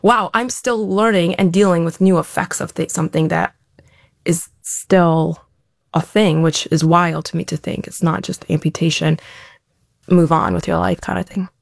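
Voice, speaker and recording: A woman's voice: on the low side, fairly even intonation, moderate pace, gravelly, no room sound, studio quality. A woman answering interview questions as an elite athlete guest, talking in a reflective, open way with frequent restarts.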